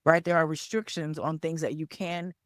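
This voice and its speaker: Here a female podcast host and business coach talks at normal speed in a low voice with little pitch movement. Emphatic throughout her solo business show, she repeats key points and checks in with listeners using "right?" and "okay?", all captured in studio quality without room sound.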